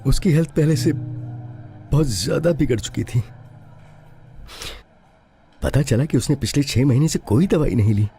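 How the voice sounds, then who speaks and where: A man's voice: mid-range voice, lively intonation, measured pace, long pauses, warm tone, faint music behind. An actor dubbing an aging, honest policeman and bitter widower, mournful and deferential, his voice breaking with tears. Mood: grieving. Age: older. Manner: mournful, deferential, repeats "sir". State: tearful, voice breaking. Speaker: suspended police officer. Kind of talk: dubbed film dialogue.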